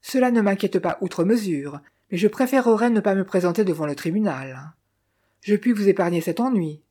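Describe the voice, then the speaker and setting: A reader voicing a weary middle-aged male drifter who calmly tells what he saw, in an audiobook. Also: medium pitch, slightly rough. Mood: wary. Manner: calm, measured storytelling in the first person. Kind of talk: audiobook reading of a character.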